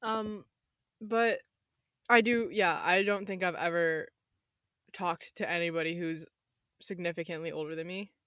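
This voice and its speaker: A twenty-year-old woman with a slightly hoarse voice, chatting casually in a rambling, self-interrupting way. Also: on the low side, fairly even intonation, unhurried, long pauses, fairly bright tone, no echo, studio quality. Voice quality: slightly hoarse, losing her voice. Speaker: podcast host. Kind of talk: casual chat.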